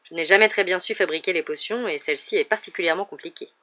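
Audiobook: reader plays a kind teacher wizard, soft and measured, mid-pitched, slightly muffled sound. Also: close to an everyday voice.

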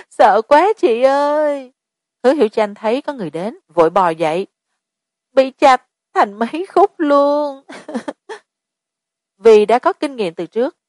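A woman's voice: mid-range voice, a little mellow, no room sound. Woman narrating a story, dry close sound. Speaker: audiobook narrator.

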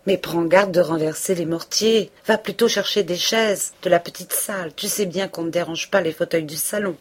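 A woman's voice: lowish voice, moderate pace, slightly rough. A woman reading a novel aloud, voicing a pompous male village pharmacist who talks in a haughty, disdainful way. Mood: bossy.

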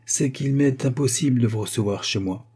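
A man's voice: mid-range voice, moderate pace, a little mellow, husky, pitched above the performer's own voice, close to an everyday voice. A man reading an audiobook and voicing a polite, scheming middle-aged male manservant who speaks in a formal, composed way. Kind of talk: audiobook character voice.

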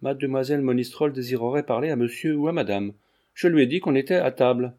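A man's voice: medium pitch, fast talker, dark tone, lightly acted. A man voicing a polite male house servant who reports a visitor.

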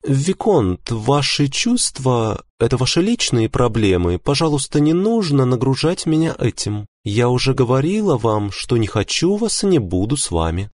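A male reader voicing a cold, aloof young noblewoman who speaks calmly, politely and distantly in a storybook. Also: mid-range voice, normal speed, few pauses, no echo, studio quality, pitched above the performer's own voice, lightly acted. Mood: coolly dismissive.

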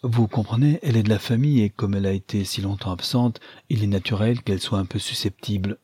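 A soft earnest young fiancée, as a man reads her lines. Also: fairly low pitch, fast talker, slightly rough, no echo.

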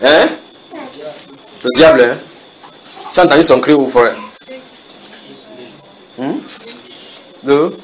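A man's voice: mid-range voice, slow, pauses often, a bit bright, slight background noise, low-quality recording. A man preaching at a house church Bible study, reading verses and putting questions to his listeners, repeating phrases for emphasis.

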